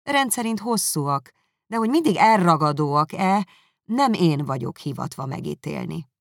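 A woman reading aloud, voicing a reserved, proud young gentleman who speaks in a cool, measured way. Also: fairly low pitch, lively intonation, no room sound, clean studio sound. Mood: curt. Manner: cool, measured, dryly critical.

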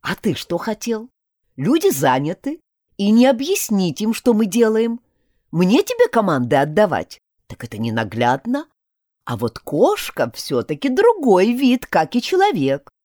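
Female reader doing a stern old male dog, slow scolding growl, storybook, dry close sound. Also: medium pitch, huge pitch swings, warm tone, dry recording.

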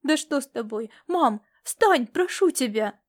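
A woman voicing a calm, gently reassuring young woman. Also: high voice, measured pace. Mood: calm gentle. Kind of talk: audiobook character reading.

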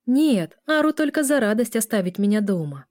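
Woman doing a sleepy whiny young student girl, pregnant, mellow voice. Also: a little high, sing-song, moderate pace, no room sound, clean studio sound, voice pushed up. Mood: weary. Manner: weary, plaintive.

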